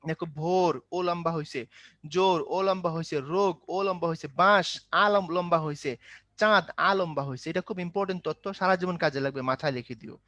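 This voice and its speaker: A man teaching Bengali grammar in an online demo class, lively and rhythmic as he drills terms and speaks directly to his students. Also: on the high side, brisk, muffled recording.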